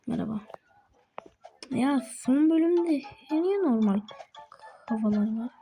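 A woman talks through her game in a slow, unhurried way, chatting to herself and to other players. Her voice is mellow and sits a little high, and she gets exasperated fast. Faint music plays behind her. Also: expressive. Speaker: gaming channel host. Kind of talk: live gameplay commentary.

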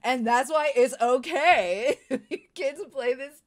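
A woman's voice: high-pitched, a little slow. A young woman giving casual reaction commentary in amused disbelief, swearing freely and prone to laughing. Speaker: reaction streamer. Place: indoor streaming setup.

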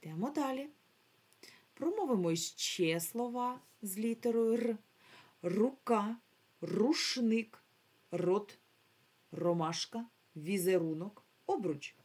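A woman's voice: mid-range voice, lively intonation, slow pace, long pauses, a little mellow. A woman teaching a remote phonics lesson to young children, drawing out each word carefully and modeling the sounds for the class to repeat. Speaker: primary school teacher.

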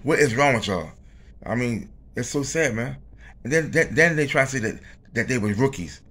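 Male co-host, mid-pitched, earnest and repetitive, chatty street-casual delivery. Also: animated, normal speed, fairly bright tone, husky. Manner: earnest, repetitive, tags sentences with "man". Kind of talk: casual chat.

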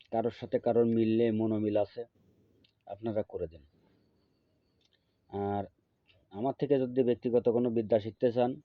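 Folk healer, male, slow drawn-out chanting, dry tinny phone-like sound. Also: no room sound. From Bangladesh. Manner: slow, drawn-out chanting, louder and higher on the mantra. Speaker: folk healer teaching spells. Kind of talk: instructional talk with chanted mantra.

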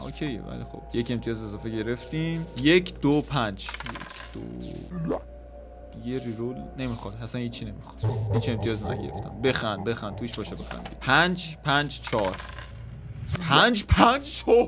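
A man commentating a dice game he is playing, counting rolls aloud and swearing or cheering at the results. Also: a little high. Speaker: gaming YouTuber. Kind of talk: casual let's-play commentary. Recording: game music behind voice.

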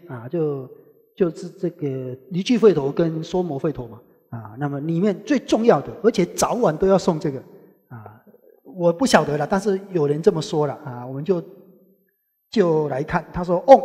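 High mellow-voiced man lecturing on scripture. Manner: rambling, with a drawn-out "ah" opening many phrases; chants mantras in passing, rising in pitch when making a point. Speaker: Buddhist teacher. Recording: long hall reverb.

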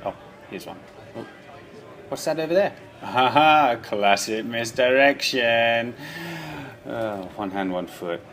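A man's voice: mid-range voice, takes it slowly, long pauses, fairly bright tone. A man improvising a comic voice-over as commentator, with an offhand, sarcastic, muttering delivery.

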